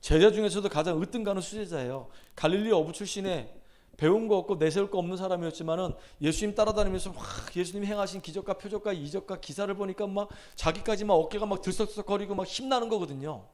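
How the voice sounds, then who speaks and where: A man's voice: high-pitched, fast, a little mellow. A man preaching a sermon as pastor, emphatic and storytelling, acting out scripture quotes with shifts in intensity.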